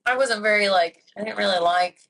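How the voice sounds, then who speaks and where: A woman in her twenties, a podcast guest, telling a personal story in a rambling, animated way full of "like". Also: medium pitch, fairly quick, gravelly, low-quality recording. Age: 20s. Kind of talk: casual chat.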